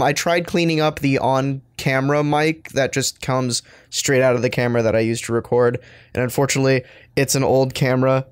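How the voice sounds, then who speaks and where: A man's voice: mid-range voice, echoey room. A man hosting a podcast in a casual, chatty style. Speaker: podcast host. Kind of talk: casual chat.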